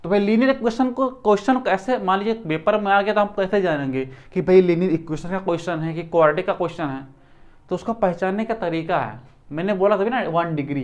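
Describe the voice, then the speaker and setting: A man's voice: sits high, fairly quick. A man teaching math in a casual classroom lecture, chatty, repeating questions back to his students.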